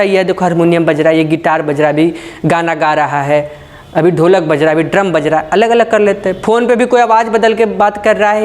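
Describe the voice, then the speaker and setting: A man giving a physics lecture, posing questions and answering them himself with folksy examples and frequent checks for understanding. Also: high-pitched. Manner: folksy, uses everyday examples. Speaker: physics teacher. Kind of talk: classroom lecture.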